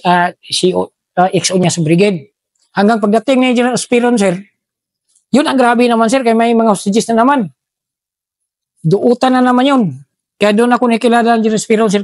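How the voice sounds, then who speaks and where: A middle-aged man, a former special forces soldier telling war stories in an interview, deferential and halting, saying "sir" after nearly every phrase. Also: sits high, dry recording. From Philippines. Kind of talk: casual interview storytelling.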